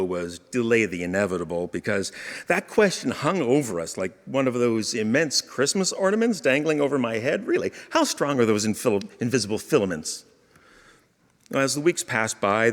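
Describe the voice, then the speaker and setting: A man telling a humorous personal story in a wry, playful manner, in a reverberant hall. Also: medium pitch.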